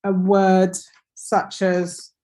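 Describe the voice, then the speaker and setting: A woman's voice: medium pitch, completely flat delivery, drawn-out words, warm tone. A woman teaching English pronunciation in an online lesson over a computer mic, hesitant, with many fillers and restarts.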